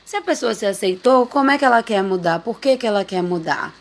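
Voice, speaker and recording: A woman teacher explains a lesson in a steady, mid-pitched voice. She reads examples aloud and then walks through each one. She often checks in with her listeners as she goes. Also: a little fast. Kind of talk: explaining figures of speech in a lesson.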